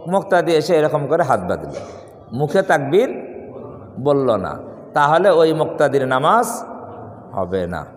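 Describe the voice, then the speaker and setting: A Bangladeshi imam preaching a Friday sermon, his fairly high voice rising and falling with lively swings. He poses questions and leaves them for the congregation to complete. His voice rings through a large mosque hall with a long, echoing reverb. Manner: rhetorical questions the congregation completes, drawn-out demonstrations of recitation.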